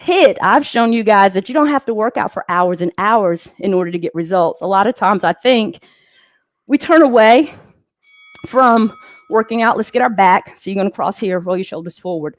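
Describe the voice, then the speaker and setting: A woman's voice: mid-range voice, expressive, moderate pace, no echo. A woman fitness instructor leading a guided workout, calling out moves with upbeat encouragement. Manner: upbeat coaching cues with encouragement.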